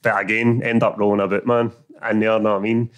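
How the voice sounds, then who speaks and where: A man's voice: on the low side, flat delivery, fast talker. A man with a Glasgow street accent telling stories in a blunt, sweary, slangy way in casual chat. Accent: Glasgow area Scottish street accent. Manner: blunt, slangy, sweary, peppered with 'mate' and 'know what I mean'. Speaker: podcast guest. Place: small indoor podcast studio. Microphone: close studio microphone on a stand.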